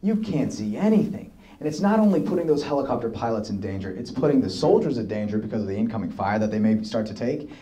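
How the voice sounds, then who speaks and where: A young man in his twenties with a mellow, warm voice tells stories from his army service to an audience. He talks lively and casually, and acts out the lines of the people he quotes. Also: mid-range voice, quick pace, hardly any pauses, a little hiss or hum. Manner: lively anecdotal storytelling, acts out quoted dialogue. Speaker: army officer giving a talk. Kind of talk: storytelling talk to an audience. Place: hall with audience, showing slides.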